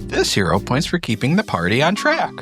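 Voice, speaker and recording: A man's voice: medium pitch, huge pitch swings, a little fast, over music. A man hosting a tabletop game as game master, chatting casually and informally as he reads out submissions.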